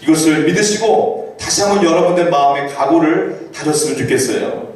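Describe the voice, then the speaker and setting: High-voiced man preaching in an echoey church. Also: a little mellow. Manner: conversational preaching with rhetorical questions to the congregation; reads scripture aloud slowly and deliberately. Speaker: pastor. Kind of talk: sermon. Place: church sanctuary. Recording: echoey church hall from a distant mic.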